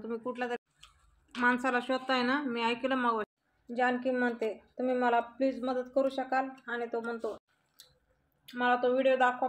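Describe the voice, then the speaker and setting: Woman, voice-over recap narrator, retells scenes and reads the characters' lines herself; monotone delivery. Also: fairly high pitch.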